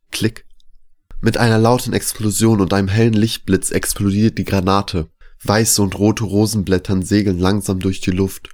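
Low-voiced man narrating a story. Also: no echo, studio quality.

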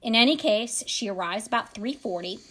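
A woman's voice: a little high, expressive, brisk, a bit bright. A woman podcast host retelling a true crime story with wry side comments. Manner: dramatic retelling with wry asides.

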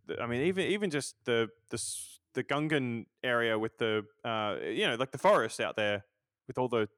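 A man's voice: mid-range voice, normal speed, fairly bright tone, clear, resonant tone, dry recording, clean studio sound. A man hosting a casual podcast interview, often stammering and repeating words as he talks. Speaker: podcast host.

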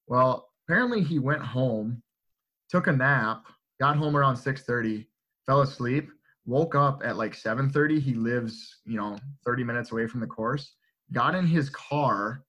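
Young adult man, bright tone, rambling animated storyteller. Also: mid-range voice. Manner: animated, filler-heavy, checks in with "right?". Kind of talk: casual storytelling among friends.

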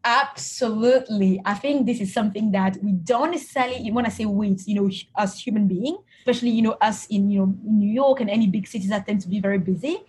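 A woman's voice: mid-range voice, fast talker, few pauses, darkish tone, husky. A woman from Cameroon, a guest in an interview, answering reflectively with frequent restarts and "you know" fillers.

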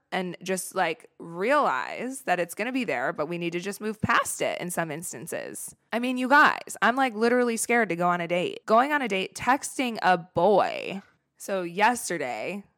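A woman's voice: lowish voice, a bit bright, no room sound, clean studio sound. Candid, chatty young woman podcaster. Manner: confessional, chatty, swears casually, many "like" fillers. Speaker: podcast host. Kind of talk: candid solo podcast talk.

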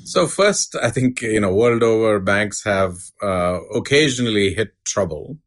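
A middle-aged man giving a measured, unscripted explanation as an expert interview guest. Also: lowish voice, expressive. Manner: measured, explanatory, uses analogies. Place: studio.

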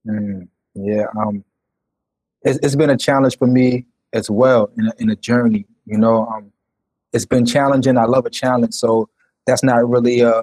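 A man co-hosts a casual show over an unstable connection, and the lag turns his voice robotic and bitcrushed. His pitch sits in the middle, and he talks haltingly, restarting words. The sound is dry and close, with no room around it. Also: steady tone, darkish tone, no echo, low-quality recording. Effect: glitchy, robotic bitcrushed audio from a lagging connection. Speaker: podcast co-host. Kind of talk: casual chat.

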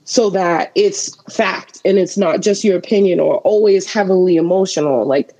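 A woman's voice: on the low side, normal speed, warm tone, breathy edge, rough recording. A young adult woman co-hosting a podcast, talking in casual, reflective run-on thoughts. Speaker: podcast co-host. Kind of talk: casual chat.

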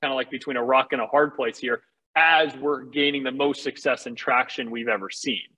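A man with a forceful, bright voice and a slightly rough, husky edge delivers a confident startup pitch. He talks casually and candidly, like a founder selling his company to investors. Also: fairly even intonation, a little fast, low-quality recording. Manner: casual, candid, salesy explaining.

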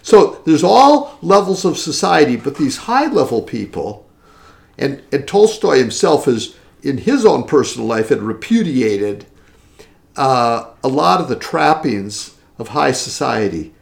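A man reading passages aloud from a historical text and explaining them in a relaxed way, with the odd chuckle. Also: mid-range voice, unhurried, vocal fry. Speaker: teacher discussing a historical text.

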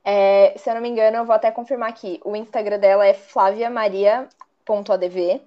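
A woman's voice: medium pitch, steady tone, brisk, muffled recording. A young woman, chatting casually with lots of fillers and laughs. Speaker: podcast guest, law graduate. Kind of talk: casual chat.

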